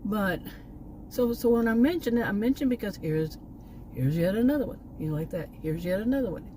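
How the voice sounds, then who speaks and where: Brisk and expressive, a middle-aged Texas vlogger rambles in casual chit-chat outside near a park, trailing off and circling back. Her mid-range voice sounds mellow, with slight background noise.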